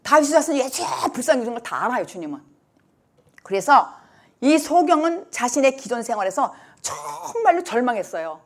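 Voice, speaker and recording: This woman's voice is fairly high and moves at a moderate pace. She is a pastor preaching emphatically and vividly, occasionally performing the blind man's cries and those of the other people in her sermon.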